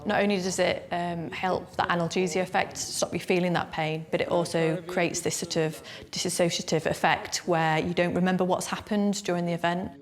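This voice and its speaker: A woman's voice: lowish voice, steady tone, normal speed, hardly any pauses. A woman working as a paramedic, explaining a treatment in an interview.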